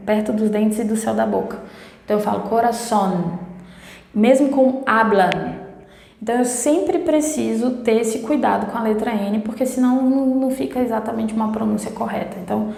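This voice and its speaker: A Brazilian woman, a native Portuguese speaker, giving a casual Spanish lesson in a chatty way, often repeating herself and slowing down to demonstrate sounds. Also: on the high side, creaky, warm tone. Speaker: Spanish teacher. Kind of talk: casual online language lesson. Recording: echoey room with long reverb.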